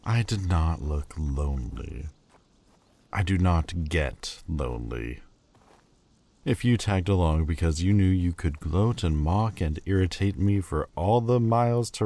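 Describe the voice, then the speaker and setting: In audio roleplay, a male voice actor plays a proud, bitter demon lord who mocks in a cold, cutting, haughty manner while hiding a lovesick heart. His voice is low-pitched, warm, animated, and a little slow.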